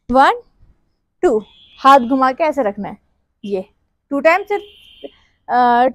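A dance teacher leads a class, counting beats aloud and sometimes singing along as she demonstrates. Her voice sits high for a woman. The sound is close and dry, with little room echo. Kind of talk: dance tutorial instruction with counting.

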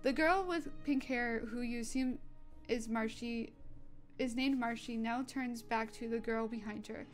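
A woman's voice: on the high side, fairly even intonation, unhurried. A young woman casually narrating a role-play story, stumbling into fillers and restarts. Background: faint music.

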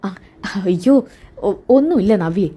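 A woman's voice: mid-range voice, animated, slow, mellow, slightly rough. A woman voicing a scheming young man who stammers through excuses when caught, read in a storytelling retelling of a TV serial. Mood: flustered.

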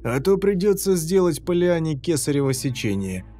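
A man's voice: on the high side, big pitch swings, normal speed, mellow, faint music behind, voice pushed up. A man voicing a sneering sadistic killer. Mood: taunting. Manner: taunting, sneering. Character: sadistic mocking male killer, cruel and playful.

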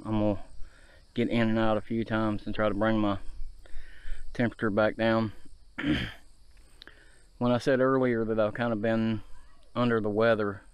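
A man's voice: on the low side, flat delivery, moderate pace, clear, resonant tone, no room sound. A man in his thirties chatting easygoingly to viewers as he hikes through a forest to a creek, filmed on an action camera. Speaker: outdoor vlogger. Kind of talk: casual hiking vlog narration to viewers. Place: outdoors in a forest by a shallow creek. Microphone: handheld or body-mounted action camera.

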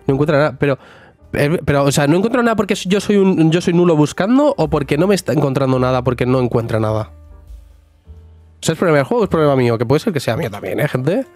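A man's voice: medium pitch, expressive, fast talker, darkish tone. Guy streaming a sims game, jokey, chats with viewers, music faint behind. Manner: chatty, jokey, talks to chat and to the sim. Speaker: streamer playing a life-sim game. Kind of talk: casual live gameplay chat.

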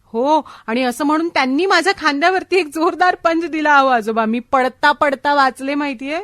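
An actress playing a young college woman who tells a funny story in a chatty, animated way. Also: high-pitched, moderate pace, no room sound, clean studio sound. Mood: storytelling. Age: young adult. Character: cheerful college girl telling a funny story. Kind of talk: radio drama acting.

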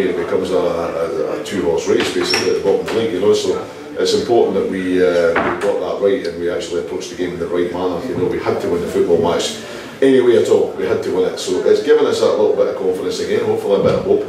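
A middle-aged Scottish football manager giving a post-match interview, talking quickly with lots of "you know" fillers. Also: male voice, low-pitched, little pitch movement, very echoey, far from the mic, background noise. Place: indoor press area in front of a sponsor board.

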